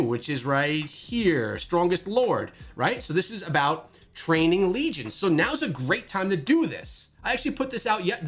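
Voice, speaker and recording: A man hosting a gaming channel, talking through gameplay with animated exclamations. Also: high-pitched. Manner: animated and exclamatory, thinking aloud. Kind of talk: gameplay commentary.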